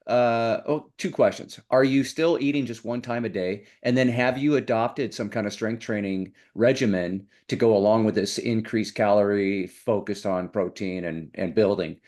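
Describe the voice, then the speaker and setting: A man's voice: on the low side, moderate pace, few pauses, a little mellow. A man hosting a podcast, asking questions in a chatty, casual way with restarts. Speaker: podcast host.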